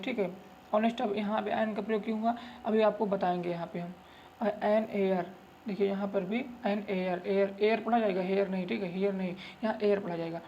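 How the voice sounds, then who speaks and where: In this tutorial, an English grammar teacher with a high-pitched, gravelly, warm voice keeps repeating his points and urging students on, saying "look" and "okay" and affectionately calling them "babu." The sound is lo-fi, with slight background noise.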